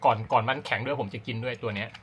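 A man's voice: medium pitch, rapid-fire, fairly bright tone, slight background noise. A man talking casually as an amateur running vlogger, explaining his routine in an informal, rambling, self-correcting way. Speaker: amateur runner hosting a running vlog. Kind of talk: casual talk to camera about personal routine.

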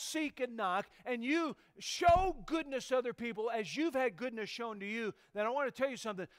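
A middle-aged man preaching a sermon as pastor, with emphatic delivery and sudden swings in loudness. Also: very high voice, dry recording, clean studio sound.

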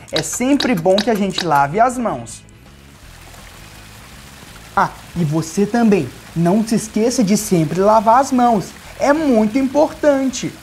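Playing a toy doctor, a young adult man with a Brazilian accent and a high voice hosts a children's video, presenting a playful story in simple, kid-friendly phrases. He's in a small furnished playroom studio indoors, where background music plays.

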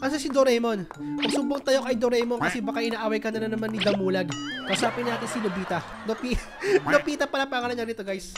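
A woman with a Filipino accent plays a horror game and chats to her viewers, reading the on-screen text aloud as she goes. A stuffy nose gives her slightly high voice a nasal tone. Loud game music plays under everything she says. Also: fast talker. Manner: chatty, reads game text aloud, shrieks when startled. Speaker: gaming streamer. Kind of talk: casual horror game commentary.

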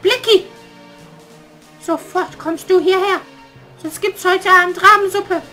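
A man playing a shrill, cackling old witch. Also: slow, fairly bright tone, faint music behind, full character voice. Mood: bossy. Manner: commanding, theatrical and scheming. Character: cackling old evil witch, scheming and bossy. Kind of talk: puppet theater play.

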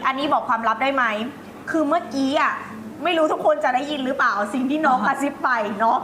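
A woman giving a chatty live sales pitch, speaking politely and persuasively straight to viewers. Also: fast, fairly bright tone. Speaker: live-stream seller, brand owner. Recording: echoey room with faint background noise.

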